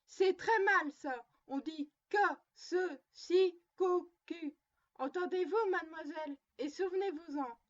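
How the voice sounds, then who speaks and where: A woman's voice: extremely high pitch, takes it slowly, lo-fi sound. A woman reading a storybook, voicing a little girl who sternly plays mother to her doll, prim and lecturing. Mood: scolding.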